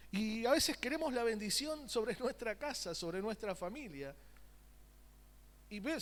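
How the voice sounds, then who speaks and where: A pastor preaches from the pulpit in a long, echoing church hall. His voice sits high for a man, and he keeps the congregation involved with call-and-response questions and wry asides. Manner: joking, conversational asides. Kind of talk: sermon. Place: church sanctuary.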